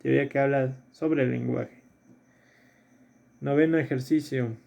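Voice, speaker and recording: The male philosophy teacher's voice is medium-pitched and a little mellow, with fairly even intonation, vocal fry and a measured pace. In a recorded remote lesson he walks through exercises step by step, repeating key terms and asking "¿sí?" often.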